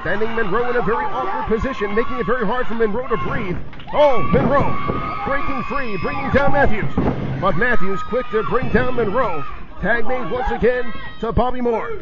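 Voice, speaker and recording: Very high-pitched male wrestling arena announcer. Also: normal speed. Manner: dramatic, emphatic storytelling delivery. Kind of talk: excited live wrestling commentary in an arena announcer manner. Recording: dull lo-fi audio amid loud crowd. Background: loud live crowd.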